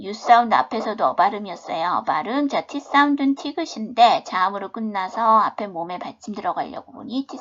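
Woman, English teacher, phonics lesson, patient, spells letters, lively pitch, muffled lo-fi sound. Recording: dull lo-fi video-class audio.

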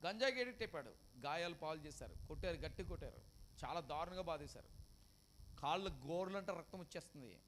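High-voiced man preaching with fervor. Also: brisk, a little hiss or hum. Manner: dramatic preaching, swinging from loud cries to hushed lines; repeats phrases and asks the congregation questions. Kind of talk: emotional storytelling sermon.

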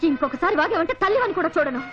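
A fiery young mother in a TV serial, speaking in a very high, rapid voice. She stands up for her family with sharp defiance. The sound is dull, under loud music. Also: expressive. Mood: defiant. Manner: pleading then defiant. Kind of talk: TV serial drama acting.

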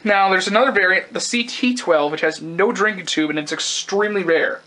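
Young adult male reviewer, high bright voice, halting and sweary, off-the-cuff product rundown. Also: low-quality recording. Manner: rambling, halting, casually sweary. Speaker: gas mask collector and reviewer. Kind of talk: casual unscripted product review. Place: indoors, close-up tabletop video.

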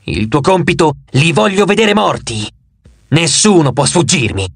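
A man's voice: a little high, big pitch swings, a little slow, creaky, slightly rough, no echo, clean studio sound, full character voice. A man growling as a vengeful monster jailer. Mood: menacing. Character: huge monstrous female jailer, vengeful and cold.

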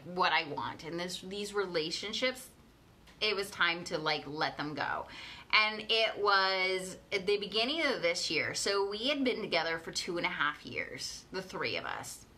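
A woman's voice: lowish voice, bright, forceful tone. A woman in her thirties giving an earnest motivational coaching talk to an online audience, emphatic and fond of repeating phrases. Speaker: coach leading an online challenge. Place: living room at home, indoors.

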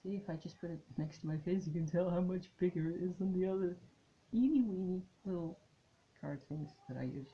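Low gravelly woman chatting to camera. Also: fairly quick, lo-fi sound. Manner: chatty, musing, trailing off in restarts. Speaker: tarot vlogger. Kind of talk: casual chat to camera.

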